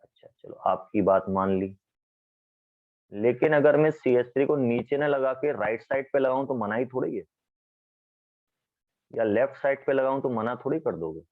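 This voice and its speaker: A man teaching chemistry in a classroom lecture, lively, often asking students questions. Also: mid-range voice, normal speed, long pauses, narrow, tinny audio.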